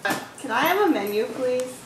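A woman's voice: high-pitched, animated, normal speed. A young woman cosplaying in an improvised comedy skit, hesitant and silly. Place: indoors at home. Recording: distant from mic in echoey room with loud noise.

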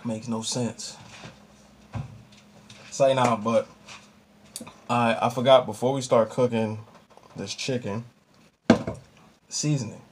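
Speaking slowly with frequent pauses, his mid-range voice keeps a fairly even intonation. He's a young adult American home cooking vlogger in a small indoor kitchen, casually chatting in slangy, offhand fashion while he demonstrates, all recorded on a clearly noisy amateur camera.

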